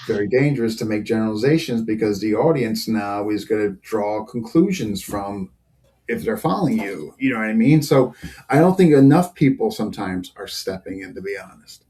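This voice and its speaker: A man's voice: lowish voice, animated, normal speed, mellow. A man hosting a podcast in casual chat, talking loosely with many fillers and frequent laughs. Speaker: podcast host.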